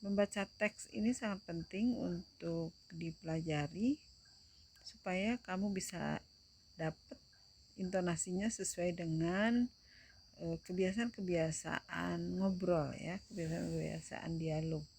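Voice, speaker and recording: A young adult woman teacher giving a recorded lesson, explaining slowly and deliberately and checking in with her students. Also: lowish voice, gravelly, darkish tone.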